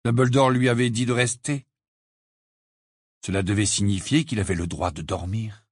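A man narrating an audiobook in an expressive reading voice that softens on quiet passages. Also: lowish voice, moderate pace, husky, no room sound, studio quality. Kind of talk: scripted narration.

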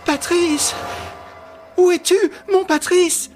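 A man voicing a frightened young woman in a read-aloud novel, crying out in a high, pleading voice. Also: steady tone, slow pace, darkish tone, faint music behind. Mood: panicked. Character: terrified young woman trapped in darkness.

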